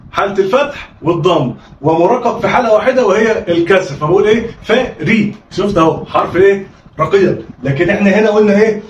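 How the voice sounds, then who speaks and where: A man's voice: high-pitched, a little hiss or hum. A man with an Egyptian accent teaching children to read Arabic, coaxing them through call-and-response drills and prompting them again and again. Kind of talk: children's reading lesson. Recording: roomy, distant, slightly dull audio.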